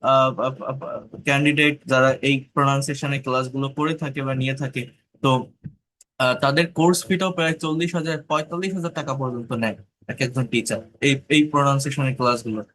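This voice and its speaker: A man's voice: medium pitch, fairly even intonation, a bit bright. A man with a Bangladeshi accent teaching pronunciation in an online class, drilling sounds one by one and checking whether students follow. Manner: repeats sounds slowly for drilling, asks students if they follow.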